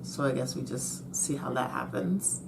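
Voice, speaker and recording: A woman's voice: extremely low pitch, normal speed, noisy background. A woman giving spontaneous, casual reaction commentary as she watches, with a slight lisp from a retainer. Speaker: host of an anime reaction channel.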